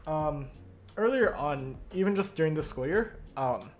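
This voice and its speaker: A young adult streamer with a hoarse, croaky voice, casually thinking aloud while coding and often stopping to correct themselves. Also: medium pitch, lively intonation, a little slow, a little mellow, faint music behind. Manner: thinks aloud, self-correcting, many fillers. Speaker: streamer studying compilers. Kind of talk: casual live-coding narration.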